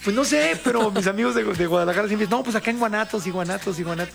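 A man's voice: sits high, racing, vocal fry, fairly bright tone, faint music behind. A man from Tijuana with a Mexican Spanish accent, hosting a chatty radio news show. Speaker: radio host.

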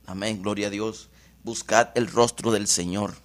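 A man's voice: on the low side, steady tone, unhurried. A man from Honduras, an evangelist preacher speaking devoutly and measuredly as a radio guest. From El Progreso, Honduras. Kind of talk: radio interview.

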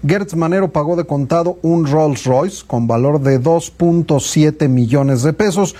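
A man reading out a news item and adding wry, ironic remarks. His voice is slightly husky and mellow, pitched a little high. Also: unhurried. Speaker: news commentator. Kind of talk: news commentary.

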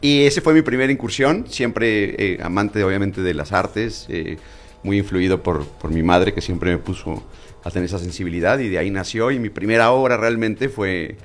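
A man from Mexico City with a Mexican Spanish accent, an architect answering interview questions in a halting, thoughtful way. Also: fairly low pitch. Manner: halting, with fillers and restarts. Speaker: architect, radio guest.

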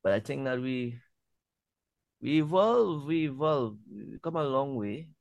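A man being interviewed as a music artist, talking in a relaxed way and often repeating words as he thinks. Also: medium pitch, unhurried, vocal fry, no room sound, dull audio. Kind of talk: casual interview talk.

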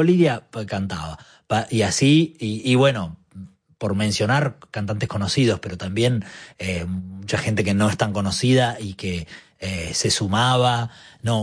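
A man with an Argentine Spanish accent, a guest musician speaking reflectively in a relaxed interview, often searching for his words. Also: medium pitch.

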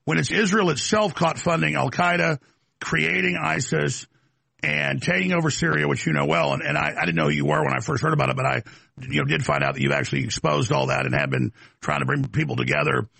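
Gravelly, sharp-toned male host. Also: on the high side, a little fast, no room sound. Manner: stammering restarts, heated and pressing. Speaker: talk show host. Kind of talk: pointed interview questioning.

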